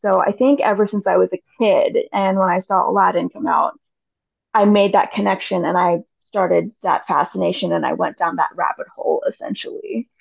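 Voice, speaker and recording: A woman's voice: on the low side, steady tone, normal speed, vocal fry, slightly rough, dry recording. A woman in her thirties, a podcast guest, chatting casually and rambling with many fillers. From United States. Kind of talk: casual interview chat. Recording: dull lo-fi audio.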